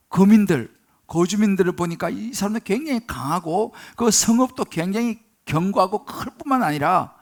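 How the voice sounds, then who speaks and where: A man preaching a sermon as pastor, his voice pitched high and edged with a gravelly fry. He tells the story vividly, acting out the quoted lines with mounting force. He turns often to the congregation with direct questions. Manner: storytelling, acts out the biblical quotes with rising intensity.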